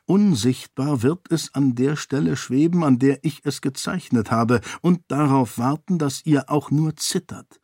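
A man voicing a young prince who speaks quietly and with hushed menace in an audiobook. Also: mid-range voice, a little slow, few pauses, husky, no room sound, studio quality. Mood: quietly menacing. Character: young prince, calm and commanding in danger.

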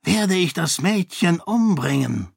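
A man's voice: a little high, animated, slow pace, gravelly, slightly rough, no room sound, clean studio sound, pitched above the performer's own voice, heavily acted. A man voicing a cold, menacing male monk leader in an audiobook, with a raised, sneering delivery. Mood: threatening. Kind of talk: audiobook character voice.

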